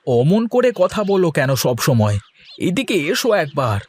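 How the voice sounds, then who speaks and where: A man voicing a kind-hearted, generous poor village husband in a cartoon who talks gently and soothingly. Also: a little high, very animated, moderate pace, husky. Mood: hopeful. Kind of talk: cartoon voice acting.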